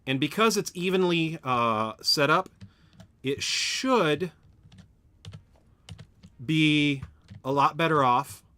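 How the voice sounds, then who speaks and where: A man's voice: a little high, slow, long pauses, bright, forceful tone, clear, resonant tone, dry recording. A man live-streaming a factory-building game, rambling as he builds and chatting with viewers. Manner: rambling, talks to chat while building. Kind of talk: casual live-stream chat while playing.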